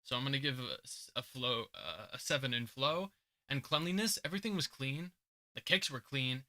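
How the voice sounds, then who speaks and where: A young man hosting his channel and judging beatbox entries in casual reaction commentary, chatty, laughing often, and shifting between mumbled asides and loud remarks. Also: medium pitch, expressive, moderate pace. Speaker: beatbox judge and channel host. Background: beat music playing.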